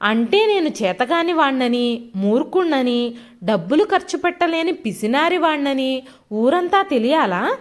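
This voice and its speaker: A woman's voice: high-pitched, sing-song, measured pace. A woman voicing a middle-aged husband who scolds and mocks his wife with contempt, in a storybook reading. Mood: angry. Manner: mocking, contemptuous. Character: scornful shouting male husband, middle-aged.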